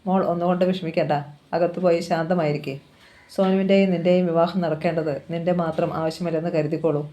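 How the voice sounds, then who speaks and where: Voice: mid-range voice, flat delivery, fast, dark tone, close to an everyday voice. The narrator voicing a scheming, wealthy middle-aged father in a novel reading, cold and commanding.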